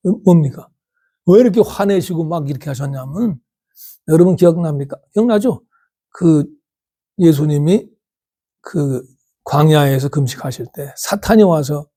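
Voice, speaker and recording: A middle-aged man preaching a sermon, animated and full of rhetorical questions to his congregation. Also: fairly high pitch, breathy edge. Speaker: pastor.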